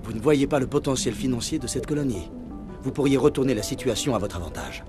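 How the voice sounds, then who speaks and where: A man acts as a resolute male military commander in a video game. He sounds controlled and direct, mid-pitched, with music clearly playing behind him. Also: animated, quick pace, lightly acted. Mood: persuasive, calm. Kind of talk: dramatic French game dub acting.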